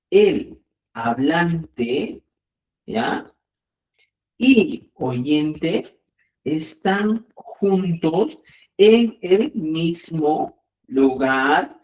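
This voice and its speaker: Distant, roomy teacher checking "¿ya?". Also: male voice, on the high side, darkish tone. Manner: repeats checks like "¿ya?" and "ojo"; slows to stress key words. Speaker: Quechua teacher. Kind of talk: live online language lesson.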